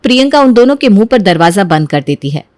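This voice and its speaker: A woman narrating a family story in an even, explanatory way. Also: medium pitch, fast talker, no echo, clean studio sound.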